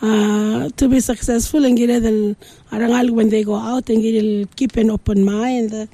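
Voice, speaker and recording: A woman's voice: fairly high pitch, little pitch movement, normal speed, warm tone, no echo. A woman from Palau with a Palauan accent conducts an informal interview, searching for words and switching between two languages.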